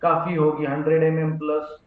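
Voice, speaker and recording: A man, a weather expert, answering questions in a live remote interview in a halting way with many filler pauses, his voice carrying a cave-like echo. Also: fairly high pitch, monotone. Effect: cave-like echo on a remote link. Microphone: remote call line. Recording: heavy echo, tinny phone-like line.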